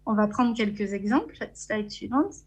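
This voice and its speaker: A woman's voice: mid-range voice, animated, moderate pace, a little mellow. A woman with a French accent giving an academic conference talk from slides, hesitant, with frequent fillers and restarts. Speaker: conference speaker.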